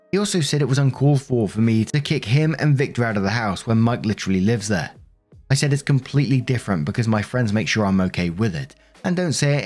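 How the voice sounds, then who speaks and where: A man's voice: medium pitch, a little mellow. Man reading reddit posts. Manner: reads posts aloud, then reacts bluntly. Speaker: story narrator. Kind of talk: reading Reddit stories with commentary.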